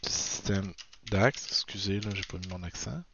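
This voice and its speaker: A man's voice: deep voice, moderate pace, noisy background. A man with a Québécois French accent, teaching a recorded physics lecture, often checking in with "ok?" and correcting himself as he goes. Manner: frequent "ok?" checks, self-corrections. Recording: dull, dry lo-fi sound.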